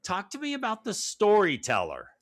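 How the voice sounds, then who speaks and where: Bright, eager male interview host. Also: high-pitched, huge pitch swings, normal speed. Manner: eager, acts out quoted dialogue. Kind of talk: enthusiastic interview with storytelling.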